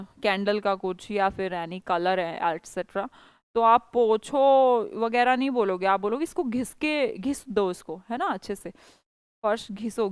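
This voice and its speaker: A woman teaching English runs an online class, coaxing her students and quizzing them over and over. Her voice sits a little high and comes through smooth and resonant. The sound is dry and close, with no room echo.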